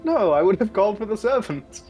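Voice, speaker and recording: A man's voice: fairly high pitch, animated, brisk, a little mellow, faint music behind, lightly acted. A man playing a curt, suspicious nobleman. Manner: curt, demanding.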